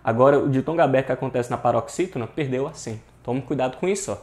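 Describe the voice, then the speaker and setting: A man's voice: mid-range voice, very fast, darkish tone. A man with a Brazilian Portuguese accent teaching an online exam-prep grammar lesson, often addressing viewers directly and repeating rules emphatically. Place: online class.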